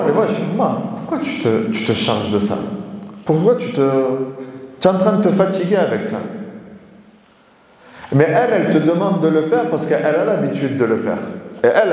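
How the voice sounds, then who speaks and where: A man's voice: mid-range voice, darkish tone. A man who is an imam, giving a sermon that mixes French with recited Arabic verses and repeats key phrases for emphasis. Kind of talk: Friday sermon lecture. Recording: echoey hall, mic at a distance.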